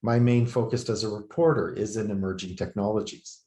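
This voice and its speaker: A man voicing a curious, talkative male journalist who is skeptical and quick with questions, in a roomy space. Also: lightly acted. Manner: excitable, questioning, higher and louder than his narration. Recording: roomy reverberant venue.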